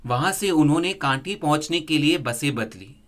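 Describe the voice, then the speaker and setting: A man reading a scripted news report as a voice-over, in a steady, measured way. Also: a little high.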